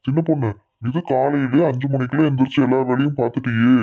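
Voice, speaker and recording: A man playing a husband who fusses over his crying wife and tries to calm his mother in a comedy skit. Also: medium pitch, fast, natural voice. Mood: coaxing. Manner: fussing, coaxing. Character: doting husband caught between wife and mother. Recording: slightly muffled recording.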